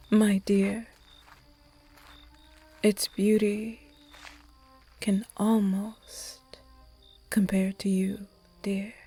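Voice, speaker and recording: Whispering softly and seductively, a woman gives breath and charm to a flirtatious vampire at a masked ball in an audio roleplay. Her medium-pitched delivery is heavily acted, and the overall feel is dreamy.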